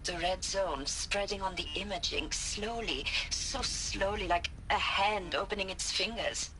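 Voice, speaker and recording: An actress playing a haunted scientist and war veteran who speaks in a reflective, quietly intense way in a game. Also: female voice, medium pitch, unhurried, background noise, lightly acted. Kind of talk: game voice acting. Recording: game audio with music behind.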